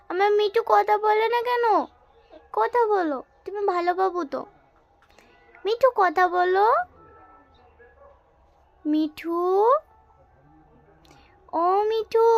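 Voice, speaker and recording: A woman's voice: very high-pitched, vocal fry, no room sound. A woman vlogger talking to her pet in cooing baby talk, coaxing and sing-song, repeating herself.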